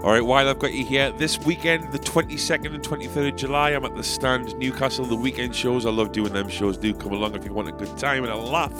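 Talking fast with hardly any pauses, this medium-pitched man rambles over background music on his own podcast. He's a comedian and musician with a stuffy nose, and his casual monologue is sweary and self-deprecating.

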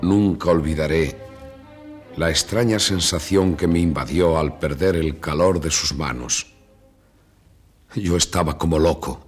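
A deep narrator looking back, slow and reflective, music under it. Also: male voice. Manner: reflective, measured. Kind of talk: radio drama narration. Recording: radio play with music behind.

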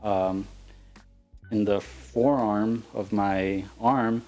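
A man with a slightly low voice hosts a casual podcast. He talks informally in halting phrases, with faint music behind him. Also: steady tone, darkish tone. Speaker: podcast host.

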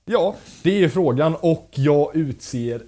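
Lively man moderating a comic debate. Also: fairly high pitch.

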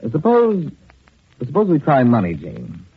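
An urbane gentleman detective from a 1940s radio drama, dry and ironic. His raspy voice is mid-pitched but rides up and down with lively ease. The broadcast is thin and tinny. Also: measured pace, full character voice. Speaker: amateur detective.

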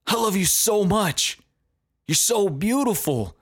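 Desperate young lover, as the narrator voices him, pleading, raised high voice, storybook reading. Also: male voice, lively intonation, takes it slowly, slightly rough, exaggerated voice. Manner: pleading, consoling. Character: young man in love, clingy and desperate.

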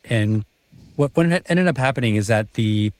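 On a podcast, a thirties-aged MBA student and finance executive recounts his road to business school with sincerity and many false starts. Born in China, he grew up in Prague before moving to Vancouver. His lowish, slightly mellow voice moves at a moderate pace with lively intonation, and the recording is dry.

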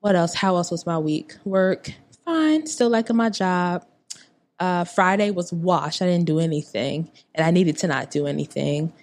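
A woman's voice: on the low side, normal speed, darkish tone. A woman in her late twenties chatting casually on a podcast, rambling with lots of fillers and asides. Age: 20s. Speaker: podcast guest. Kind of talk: casual chat.

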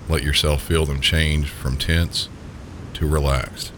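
This sleep story podcast host guides gently and without hurry, his calm voice extremely deep and marked by a Southern US accent. Throughout, a loud, steady low rumble of pink noise plays behind him as he leads the listener to rest.

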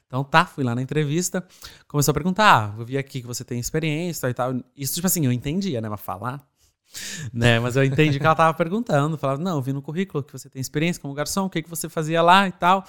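A man's voice: on the high side, quick pace, fairly bright tone, smooth. A Brazilian man with a Brazilian Portuguese accent, upbeat and full of advice, telling stories about working abroad in a casual interview. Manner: upbeat, advice-giving, storytelling with many tag questions. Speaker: guest sharing experience of living abroad.

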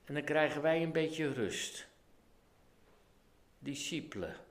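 A man's voice: fairly high pitch, takes it slowly. A Dutch-accented man preaching a sermon as pastor, earnest and pleading, his voice rising to urgent calls.

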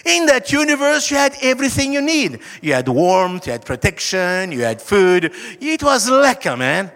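A man with a broad South African accent preaching a conversational sermon, emphatic, with dramatic pauses and slowed, stressed phrases. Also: high voice, a bit bright. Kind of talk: sermon, conversational Bible teaching. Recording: echoey hall with long reverb.

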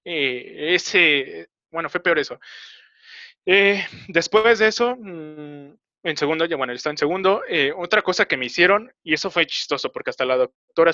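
A young man with a Mexican Spanish accent recounts his own story in a halting, rambling way, full of filler pauses. His voice sits a bit high and sounds bright and edgy. The recording is dry and slightly dull. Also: dry recording. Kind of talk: casual personal storytelling.

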